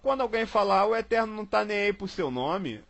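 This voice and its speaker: A man's voice: high-pitched, lively intonation, fairly quick, gravelly, fairly bright tone, muffled recording. A man from Brazil leading an informal Bible study, chatty and repetitive, spelling words out letter by letter. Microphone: online call.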